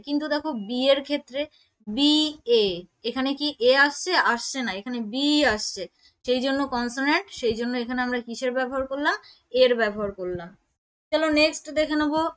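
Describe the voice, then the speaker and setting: A woman teaching an exam-prep grammar lesson, explaining slowly, repeating points and asking checking questions. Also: high voice, a bit bright. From West Bengal. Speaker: English teacher.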